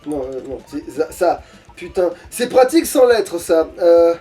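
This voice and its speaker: Young male gamer, high soft-edged voice, casual cursing commentary, music behind. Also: very animated, a little slow. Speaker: video game player. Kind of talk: casual, sweary gaming commentary.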